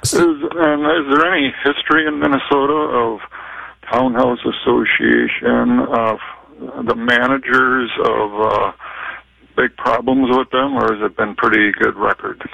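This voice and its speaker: Gravelly male caller on a phone line. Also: mid-range voice, steady tone, no room sound. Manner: halting, with many fillers. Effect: heard over the phone. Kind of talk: casual call-in question. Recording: dull phone-line sound.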